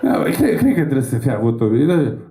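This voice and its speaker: A man's voice: medium pitch, big pitch swings, dark tone, roomy sound. A man from Romania doing a stand-up set, telling crude, rambling and profane stories on a comedy club stage.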